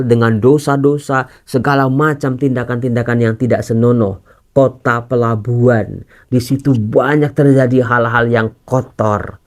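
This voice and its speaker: A man's voice: medium pitch, darkish tone. A man, a priest teaching scripture in a sermon, earnest and direct, slipping casual asides into formal teaching. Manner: earnest, addresses listeners as brothers and sisters.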